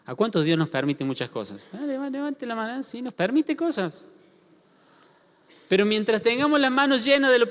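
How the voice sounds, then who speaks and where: Argentine preacher in a reverberant church. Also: male voice, a little high. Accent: Argentine Spanish. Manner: animated storytelling, acts out dialogue, asks congregation questions. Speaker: pastor. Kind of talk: sermon. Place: church hall. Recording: long hall reverb.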